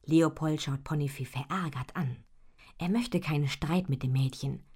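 A woman narrating a children's storybook in a soft, measured way. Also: low voice, husky.

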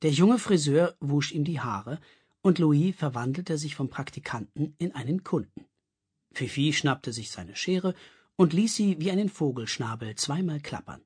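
An audiobook reader narrating a story expressively with a husky voice. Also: medium pitch, animated, normal speed, a little mellow. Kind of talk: scripted narration.

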